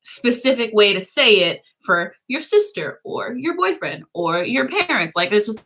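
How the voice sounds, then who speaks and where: Woman, fairly high pitch, bright sharp tone, casual livestream chat, giggly, loose phrasing. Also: sing-song, normal speed. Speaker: livestream co-host.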